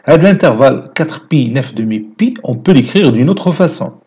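Brief: Moroccan male math teacher, husky voice, patient step-by-step explanation. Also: medium pitch, animated, normal speed, a little mellow. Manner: explains step by step, mixing French with Moroccan Arabic. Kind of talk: lecture.

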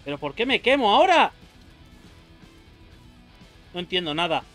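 Frantic, high-pitched gamer yelping. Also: male voice, very animated, moderate pace, fairly bright tone. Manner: frantic, swearing, yelps and self-talk while fighting a boss. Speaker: gaming youtuber. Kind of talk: excited gameplay commentary. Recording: faint game music behind.

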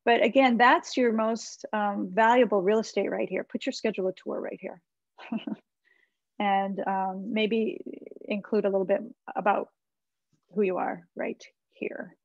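Over a video call from a small indoor room with bookshelves, a middle-aged American website marketing consultant hosts a webinar, thinking aloud as she gives informal, encouraging advice and critique of a website. Her mid-range voice holds a steady tone with vocal fry, at a slightly slow pace. On her computer mic there's no room sound, but the video-call audio is slightly dull.

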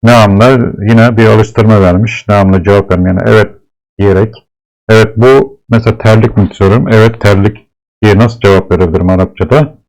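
A man teaching Arabic letters, explaining slowly and patiently and repeating each sound several times. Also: lowish voice, steady tone, a little mellow, low-quality recording. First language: Turkish. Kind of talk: slow classroom explanation of letters.

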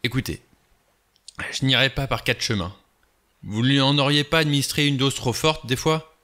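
Blunt, insistent ex-cop type, read by a man, bright, forceful delivery. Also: fairly low pitch, animated, normal speed. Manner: pushy, insistent questioning.

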